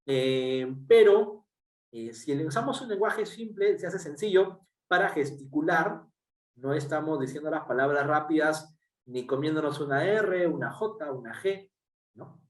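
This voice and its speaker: Captured from a distance in a roomy space, a man with a Peruvian Spanish accent leads a workshop lecture, walking through each step. His voice sits on the high side and is animated but unhurried, peppered with fillers and tag questions.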